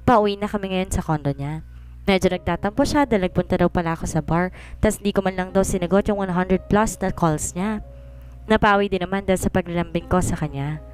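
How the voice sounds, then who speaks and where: A woman's voice: lowish voice, a little fast. A woman narrating a first-person romance story in a chatty, self-talking way, over faint background music. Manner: chatty, self-talking, mixing English into Tagalog.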